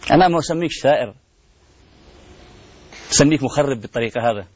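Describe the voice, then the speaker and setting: A man's voice: mid-range voice, expressive, fast talker, a little mellow, slightly rough. A man, hosting a program and making an impassioned appeal full of pleading rhetorical questions and repeated refrains, on dull lo-fi broadcast audio. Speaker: TV program host.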